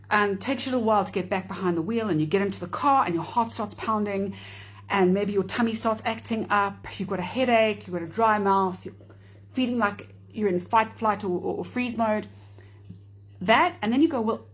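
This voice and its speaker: A woman's voice: medium pitch, breathy edge. A woman hosting a live video talk, chatting and explaining with wry asides. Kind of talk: casual talk to camera.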